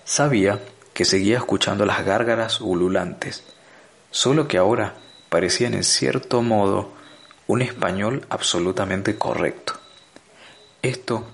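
A male audiobook narrator telling the story in a measured, dry way. His voice sits low. A gravelly fry runs under it. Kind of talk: scripted narration.

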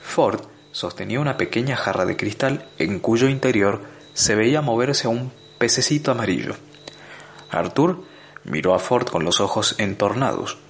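Low gravelly male narrator. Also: animated, normal speed, fairly bright tone, a little hiss or hum. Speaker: audiobook narrator. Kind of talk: scripted narration.

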